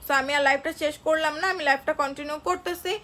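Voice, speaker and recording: A woman from Bangladesh, unwell, selling products on a phone live stream. She talks slowly and chattily, repeating prices and answering viewers. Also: sits high, fairly even intonation, sharp tone. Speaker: online shop seller. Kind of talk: live-stream sales pitch.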